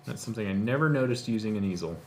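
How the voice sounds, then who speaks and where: Lively-voiced man in an echoey room. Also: lowish voice, racing, a little hiss or hum. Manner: joking, playful asides. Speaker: co-host. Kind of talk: casual chat, live stream.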